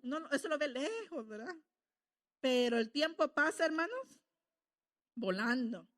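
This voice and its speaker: Middle-aged woman preacher, high voice, homey conversational sermon. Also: sing-song, a little slow, a bit bright. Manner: conversational, asks the congregation "¿verdad?".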